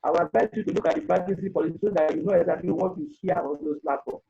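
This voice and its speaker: A man speaks rapid-fire in a high voice with lively intonation, vocal fry, and a mellow, husky quality, over lo-fi sound with faint music behind. He is an earnest data protection panelist advising in a webinar on a video call, using an earphone mic and repeating himself while the online call breaks up.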